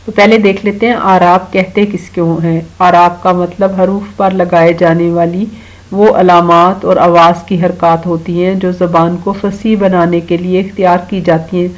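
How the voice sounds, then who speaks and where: A woman from Pakistan giving a slow, patient online grammar lesson to children, talking to them directly and reciting verses now and then. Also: lowish voice, little pitch movement, rough recording. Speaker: teacher.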